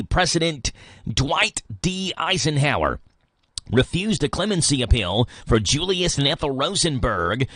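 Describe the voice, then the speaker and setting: Casting: American male radio host, mid-pitched, conversational news and weather delivery, dry studio. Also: a bit bright, no echo. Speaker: radio morning show host.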